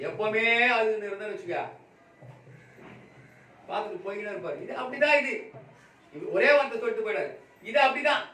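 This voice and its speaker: A male pastor giving a Sunday sermon with emphatic, repetitive exhortation, swinging between loud raised calls and quiet low passages. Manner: emphatic preaching with repeated phrases. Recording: echoey room, from far off, faint background noise.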